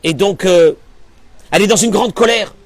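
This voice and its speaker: A rabbi giving a Torah class in an emphatic, animated way, full of rhetorical questions. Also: male voice, high voice, normal speed, dry recording.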